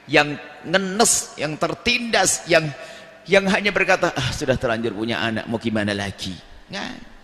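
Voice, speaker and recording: A male preacher with a fairly high, very lively voice that swings widely in pitch. He preaches in an animated way and slips into little acted scenes of family squabbles. The sound carries a long echo from a large hall. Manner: animated, acts out quarrelling family members in a high voice. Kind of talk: sermon.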